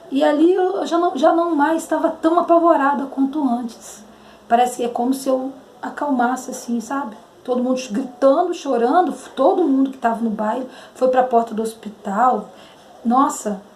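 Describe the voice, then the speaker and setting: A woman from Brazil, speaking with a Brazilian Portuguese accent, offers a hesitant religious testimony, often searching for words and singing bits of hymns. Her voice is high-pitched and a little mellow, recorded in an echoey room with faint noise.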